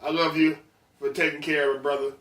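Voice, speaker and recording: Podcast host, man, high bright voice, nasal from a cold, joking and slangy, echoey room, sits back from the mic. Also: level tone, fast talker, distant mic, a little hiss or hum. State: congested with a winter cold. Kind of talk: casual chat.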